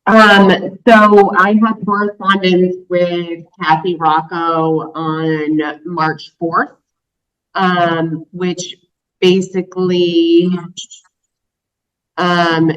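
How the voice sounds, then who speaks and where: A woman reporting at a public board meeting, her voice fading in and out over a remote call, with hesitant pauses and fillers. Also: lowish voice. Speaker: town health office staff member. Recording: distant, cutting-out call audio.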